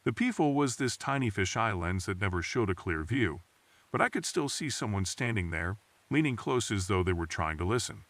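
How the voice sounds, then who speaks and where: A man's voice: on the low side, animated, fairly quick, fairly bright tone, dry recording. A man reading a scripted first-person horror story in a tense, suspenseful storytelling manner.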